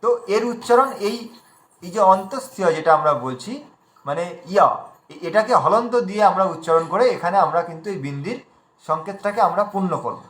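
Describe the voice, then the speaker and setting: A man's voice: high voice, lively intonation, fairly quick, fairly bright tone, reverberant. A man teaching an online pronunciation class, patiently spelling out letters one by one as he shares his screen.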